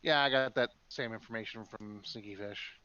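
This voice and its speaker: A man's voice: fairly low pitch, moderate pace, pushed and bright, clean tone, no echo, highs cut off. A man co-hosting a podcast in casual chat, rambling and making jokes. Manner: rambling, joking. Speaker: podcast co-host.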